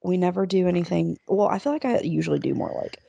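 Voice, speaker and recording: Chatty young woman, gravelly low voice. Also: animated, fast, warm tone, no echo, muffled recording. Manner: chatty, self-deprecating, lots of "like". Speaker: podcast co-host. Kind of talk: casual chat, storytelling.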